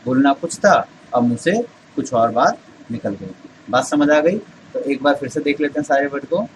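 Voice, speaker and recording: A man's voice: mid-range voice, normal speed, slight background noise, rough recording. A man teaching English vocabulary in Hindi, explaining step by step and answering his own rhetorical questions. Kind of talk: Hindi vocabulary lesson with memory tricks.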